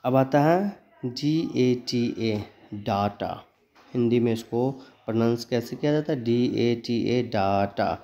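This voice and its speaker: A man's voice: mid-range voice, warm tone. Man teaching pronunciation. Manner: spells words letter by letter, slow and deliberate; mixes Hindi with English. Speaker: English teacher. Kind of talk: spoken English pronunciation lesson.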